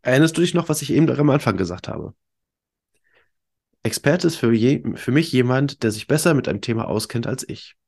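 A man's voice: mid-range voice, animated, a little fast, gravelly, a little mellow, husky. A man with a congested, stuffed-up nose hosting an informal solo podcast, addressing listeners directly in an emphatic, coaching way with rhetorical questions. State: congested with a cold. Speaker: podcast host.

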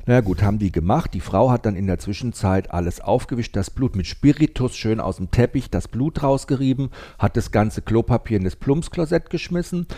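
A man hosting a podcast, chatting casually and telling a funny anecdote with animated delivery, laughing at his own jokes. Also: medium pitch, fairly quick, few pauses. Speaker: podcast host.

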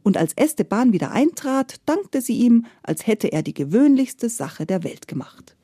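A woman reading a fairy tale aloud as a storyteller, soft and expressive. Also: a little high, normal speed, husky, no room sound, clean studio sound.

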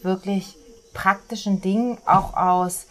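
A woman guest in an interview, an author and speaker, explaining her models in a lively way and slipping into little acted quotes. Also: medium pitch, takes it slowly.

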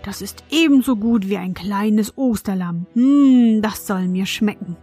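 A woman's voice: medium pitch, unhurried, mellow, husky, soft background music. A woman voicing a greedy, cruel old robber woman in whispered role-play. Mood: gloating.

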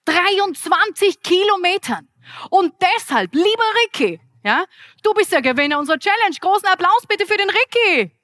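An Austrian woman in her forties giving an energetic, interactive keynote talk as a business trainer, speaking straight to a live audience. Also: very high voice, brisk, no echo. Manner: lively, energetic, addresses the audience directly. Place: event hall with live audience.

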